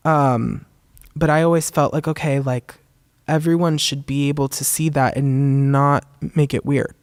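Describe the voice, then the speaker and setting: A young photographer and zine curator answers interview questions on a theater stage in a mid-range, fairly monotone voice at a measured pace, which he himself calls feminine. He is earnest and laughs often, saying "um" and "kind of" a lot. The sound is clear and resonant, studio quality with no echo.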